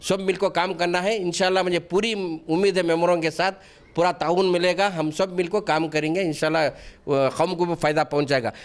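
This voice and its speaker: A man's voice: high-pitched, fairly even intonation, a little fast. A middle-aged man, answering interview questions earnestly and defensively, often restarting his sentences. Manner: defensive and pleading. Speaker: wakf board member being interviewed.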